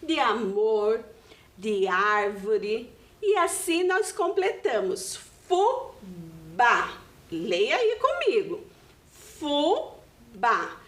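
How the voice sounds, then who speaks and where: A woman's voice: sits high, fairly bright tone, roomy sound. A Brazilian woman teaching a video lesson to young children, patient and sing-song as she explains. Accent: Brazilian Portuguese. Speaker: primary school teacher.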